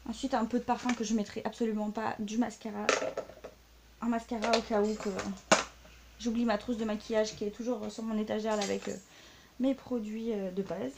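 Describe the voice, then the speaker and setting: A woman's voice: a little high, flat delivery, fairly quick, gravelly, background noise. A young adult woman chatting casually in a show-and-tell vlog, full of fillers and side remarks. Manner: chatty, many fillers and asides. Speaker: vlogger.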